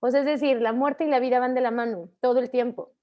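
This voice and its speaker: A woman in her thirties with a Mexican Spanish accent, a counselor gently giving advice on grief and repeating phrases for emphasis. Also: high voice, fairly even intonation, quick pace, muffled recording. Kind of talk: warm explanatory advice talk.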